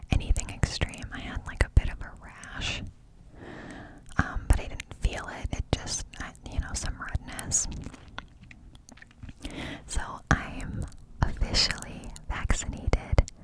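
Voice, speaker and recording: Slow, intimate cupped-hand whisper from a woman. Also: rough recording. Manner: intimate, conspiratorial. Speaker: ASMR host. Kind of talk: ASMR, confiding secrets to the listener. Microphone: close ASMR mic.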